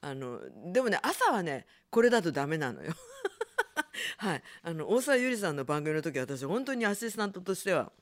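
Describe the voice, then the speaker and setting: A middle-aged woman hosts a late-night radio show, chatting with listeners in a low, relaxed natural voice. Her pitch sits fairly low but swings widely, so she sounds animated and self-deprecating, laughing easily. A slight colours her speech. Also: normal speed. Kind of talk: casual late-night radio chat reading listener letters.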